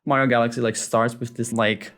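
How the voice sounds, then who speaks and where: A man's voice: mid-range voice, flat delivery, a little fast, a bit bright, faint music behind. A man from Brazil, a game developer casually telling his story in an interview, rambling and full of fillers.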